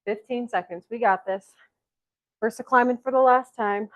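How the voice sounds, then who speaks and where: A woman with a Southern accent leading a workout class as fitness coach, out of breath, counting down and pushing her class on with energetic encouragement. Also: on the high side, normal speed, low-quality recording. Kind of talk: live workout class cues.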